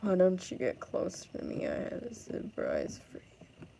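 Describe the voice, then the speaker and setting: A woman voicing a creepy drunk man who stalks a girl, talking in a hushed, half-whispered, menacing way. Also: lowish voice, huge pitch swings, normal speed, creaky, slight background noise, exaggerated voice.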